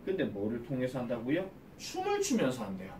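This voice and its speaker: A man's voice: mid-range voice, wildly swooping pitch, a little fast, background noise. A man teaching a class in a classroom and explaining a reading text, who keeps asking students questions and answering them himself. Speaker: academy English teacher. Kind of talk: classroom lecture. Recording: echoey classroom, from a distance.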